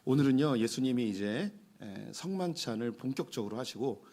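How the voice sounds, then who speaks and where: A middle-aged male pastor delivers a sermon in a church sanctuary. His voice is husky, and he sits at a middle pitch for a man. He tells stories between points and keeps slipping in short affirming asides. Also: expressive, moderate pace. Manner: warm storytelling with frequent "예" asides.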